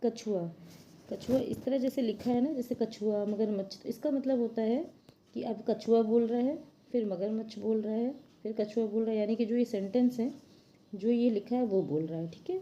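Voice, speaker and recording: A patient woman teacher talks young children through a textbook story, explaining the words simply. Her voice is a little high and mellow. The recording is dull and lo-fi, with faint noise in the background. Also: normal speed.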